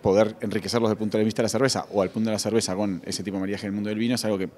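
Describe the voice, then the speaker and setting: A man with a somewhat low voice explains things at a festival interview. He talks very fast but stays measured and explanatory. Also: flat delivery, a little mellow. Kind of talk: casual interview. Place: festival hall, indoors.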